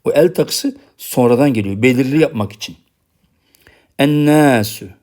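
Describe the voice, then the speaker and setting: A man with a Turkish accent teaching Arabic writing, saying each example word slowly twice and then explaining it quickly. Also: medium pitch, lively intonation, darkish tone. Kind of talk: recorded lesson.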